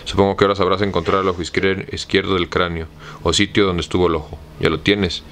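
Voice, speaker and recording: An obsessed, excitable gentleman, read by a man with a Mexican accent in a deep, level voice. Each line is read slow and plain. A faint hiss hangs under it. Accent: Mexican Spanish.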